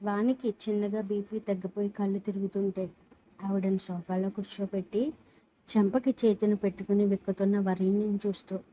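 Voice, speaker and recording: A woman narrating a dramatic story aloud in a steady, even reading voice. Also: medium pitch, normal speed, lo-fi sound.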